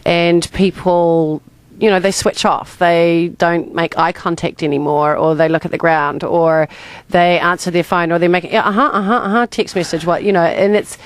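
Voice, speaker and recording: A woman's voice: fairly low pitch, little pitch movement, moderate pace, clean tone, no room sound. A woman with a broad Kiwi accent from New Zealand, talking conversationally as a radio interview guest. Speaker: interview guest, communication coach.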